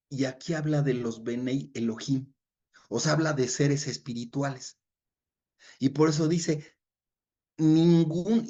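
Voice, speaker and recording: A man's voice: medium pitch, darkish tone. A man leading a Bible study in a conversational way, reading verses aloud and checking in with his listeners. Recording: dull lo-fi recording.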